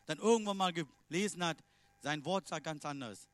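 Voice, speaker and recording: A man preaching a sermon in non-native German phrasing, emphatic, swinging between loud declarations and quiet asides. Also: fairly high pitch, normal speed, dry recording.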